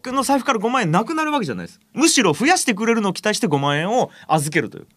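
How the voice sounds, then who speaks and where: A man's voice: high-pitched, sing-song, rapid-fire, a bit bright, no room sound. A man with a Kitakyushu accent hosting a radio show, teasing his co-hosts in casual banter. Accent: Kitakyushu Japanese. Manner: teasing, playful, hosting the segment.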